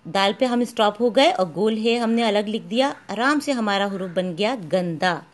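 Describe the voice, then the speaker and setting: A woman's voice: medium pitch, normal speed. A woman school teacher giving a patient lesson, spelling out letters one by one and calling her pupils "beta". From Pakistan. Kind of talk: slow, patient classroom instruction.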